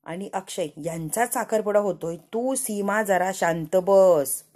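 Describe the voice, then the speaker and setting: A bossy, scheming older woman who gives orders in short, sharp phrases, as a woman puts her on. The voice is mellow and warm. It is read as part of a serial recap. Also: mid-range voice, takes it slowly.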